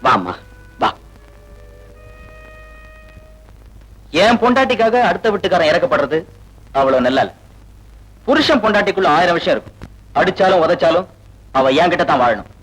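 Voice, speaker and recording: A callous, domineering husband. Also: male voice, sits high, big pitch swings, fast talker, pauses often, a bit bright, breathy edge, heavily acted, rough recording. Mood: stern. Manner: contemptuous, blustering. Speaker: unfaithful husband. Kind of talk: 1980s Tamil film acting. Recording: film soundtrack with music behind.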